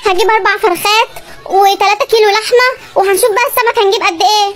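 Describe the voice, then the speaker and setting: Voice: very high-pitched, steady tone, very fast, a bit bright, slight background noise. A comic performer voicing an exasperated wife and mother with an Egyptian accent, complaining while shopping in a sketch. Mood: pleading. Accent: Egyptian Arabic. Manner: complaining, pleading, exclaiming. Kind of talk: comedy sketch dialogue.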